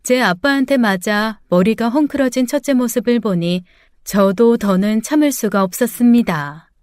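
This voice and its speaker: A woman's voice: fairly high pitch, moderate pace, a little mellow, clear, resonant tone, no room sound, clean studio sound. Older woman narrating a story. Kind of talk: scripted first-person story narration.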